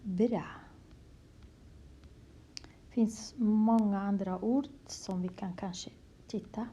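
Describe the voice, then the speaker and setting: A soft-spoken language teacher gives a handwriting lesson on Kurdish letters, explaining in Swedish. Her mid-range voice is steady, and she goes slowly and patiently, repeating words and often dropping to a whisper. A little hiss or hum is audible.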